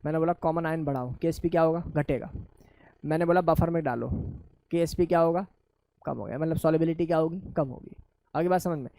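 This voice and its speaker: Male chemistry teacher, coaxing call-and-response lecture, drops low to answer his own questions, dry close sound. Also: brisk, dark tone, no echo. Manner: asks questions and answers them himself in a lower voice; addresses students affectionately as children. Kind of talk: classroom lecture.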